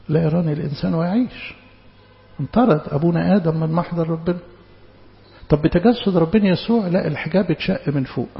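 Gravelly Egyptian preacher in a hall. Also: male voice, a little high. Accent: Egyptian Arabic. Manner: conversational, asks rhetorical questions. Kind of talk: sermon. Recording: long hall reverb, dull sound.

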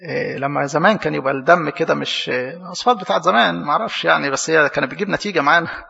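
An Egyptian priest preaching a sermon, asking questions and answering them himself. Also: male voice, a little high, racing, gravelly, bright, forceful tone, breathy edge, big-room sound, muffled recording. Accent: Egyptian Arabic. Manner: storytelling preacher, asks and answers his own questions.

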